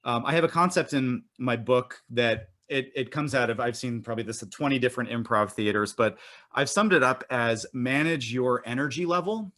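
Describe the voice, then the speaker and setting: A man's voice: medium pitch, normal speed, a bit bright. A man in a mid-range voice guest-hosting a podcast panel. He moves the talk along with enthusiastic, easygoing energy. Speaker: guest host. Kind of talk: moderating a panel discussion.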